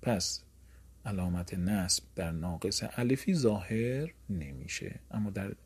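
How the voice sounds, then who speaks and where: A man teaching a grammar lesson, drilling word forms slowly and then explaining them quickly. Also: deep voice, lively intonation, breathy edge.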